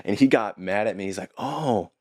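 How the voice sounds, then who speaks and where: A young man from Utah, a podcast guest, telling stories in a relaxed casual chat and chuckling often. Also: fairly low pitch, fast. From Utah, United States.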